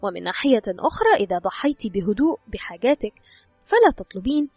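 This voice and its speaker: A female audiobook narrator reads an advice book in an instructive way, speaking directly to the listener. Her medium-pitched voice is sing-song, quick, slightly mellow and slightly rough, captured in a dry recording with soft background music.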